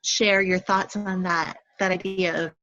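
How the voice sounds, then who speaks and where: A woman moderating a panel discussion, speaking in a thoughtful, measured way with frequent pauses and fillers. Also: on the low side, steady tone, sharp tone, no room sound. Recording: dull lo-fi dry sound.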